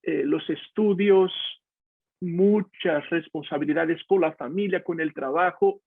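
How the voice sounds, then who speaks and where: A Brazilian pastor gives a personal devotional talk from home over a video call, addressing listeners candidly and directly. His voice is a little high and gravelly, with a breathy edge and no room sound, coming through tinny, phone-like online call audio.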